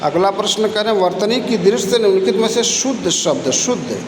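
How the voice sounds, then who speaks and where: A man teaching a spelling lesson for exam prep, slowly repeating each answer and checking in with the class. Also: high-pitched, animated, slight background noise. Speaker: Hindi teacher. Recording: echoey room, faint ambience.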